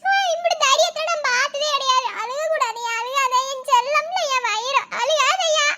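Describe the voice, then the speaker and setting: A performer voicing a sharp-tongued but loving middle-aged village mother in a cartoon, with a Madurai Tamil accent. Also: very high voice, normal speed. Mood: tender, consoling. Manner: scolding, sharp-tongued, then tender. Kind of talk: cartoon voice acting.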